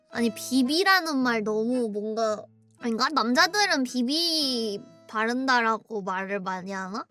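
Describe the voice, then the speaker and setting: A young woman with a very high, animated voice chats casually to her stream viewers. She is playful and giggly, speaking as though fighting back laughter, with music playing behind her. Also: slow, pauses often. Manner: giggly, as if trying not to laugh. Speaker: live streamer.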